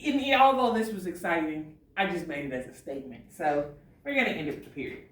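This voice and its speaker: A woman teacher giving a recorded lesson to young children, slow, patient and sing-song, stretching words out as she writes. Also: on the low side, lively intonation, recorded from a distance. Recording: echoey room, off the mic.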